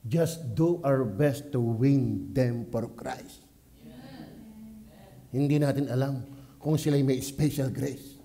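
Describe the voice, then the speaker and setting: A man with a Batangas accent, a pastor preaching at a church prayer meeting, swinging from quiet asides to loud exclamations. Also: medium pitch, slow, pauses often. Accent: Filipino, Batangas.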